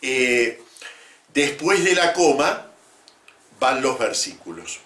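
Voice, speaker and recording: A man's voice: medium pitch, very animated, sharp tone. Man lecturing in a roomy echo. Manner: measured, with frequent tag questions. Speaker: Bible teacher. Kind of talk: explanatory lecture.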